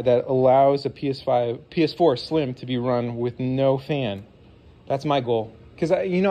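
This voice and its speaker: A warm, mid-range voice comes from a forties-aged man modding a console on camera at his home desk. He's sniffly and enthusiastic, drifting into apologetic side comments in this casual tech talk, with a little hiss or hum on the recording.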